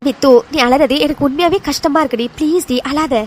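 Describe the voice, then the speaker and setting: A woman's voice: high-pitched, brisk, a little hiss or hum, close to an everyday voice. A woman voicing a caring young female friend in a cartoon, who coaxes and reassures in a soothing way. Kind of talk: animated cartoon dialogue.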